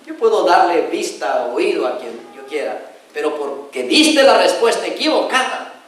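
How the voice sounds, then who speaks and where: A stern, commanding God, as a preacher puts him on, firing off rebuking questions. The voice sits high and rings through a very echoey hall. It is heard from a distance from the mic. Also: male voice, big pitch swings, normal speed, fairly bright tone.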